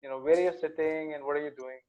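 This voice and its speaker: A man's voice: a little high, steady tone, quick pace, dark tone, smooth. A man from Pakistan hosts an online talk over a video call. His speech is loose and casual, and he often says "you know". The sound is thin and narrow, like a phone line. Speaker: host.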